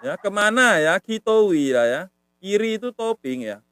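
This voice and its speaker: A man's voice: sits high, sing-song, normal speed, a bit bright, a little hiss or hum. A man giving a casual live-stream language lesson, patient and repetitive, tagging nearly every phrase with a short filler. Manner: repetitive, patient, says "ya" often. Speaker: language teacher.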